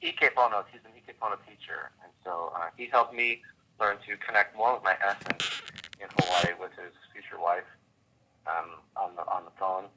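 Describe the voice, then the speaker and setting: A man coaching a guest on a call, talking with lively enthusiasm and vivid imagery. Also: low-pitched, normal speed, noisy background. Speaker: host and coach.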